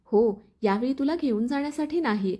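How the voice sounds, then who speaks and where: A woman reads as a quiet, gentle young man, selfless and sad. Her voice stays high and lively through it. This is a storybook tale told in a single voice. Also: moderate pace. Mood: calm sad.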